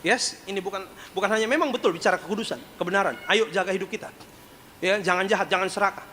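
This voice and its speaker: A man's voice: sits high, fast, bright, forceful tone. A male pastor preaching in a joking, storytelling way and acting out the people he quotes, on a stage microphone in a large church hall. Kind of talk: sermon. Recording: long church-hall reverb, faint noise.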